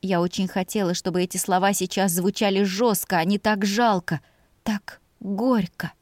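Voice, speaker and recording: Female audiobook narrator, medium pitch, emotional but measured first-person reading. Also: fairly even intonation, a little mellow, dry recording, studio quality.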